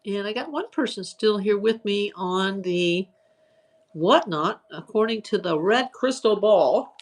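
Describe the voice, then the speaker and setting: A woman chatting casually on a live online auction stream greets viewers by name and lists items up for sale. Her medium-pitched voice, tired and a little hoarse from hours of talking, still carries lively intonation at a measured pace.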